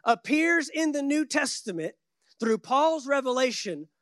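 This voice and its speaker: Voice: sits high, expressive, a little slow, fairly bright tone, no echo, studio quality. A preacher delivering a sermon to a congregation in an exhorting, emphatic and conversational way, repeating phrases for weight.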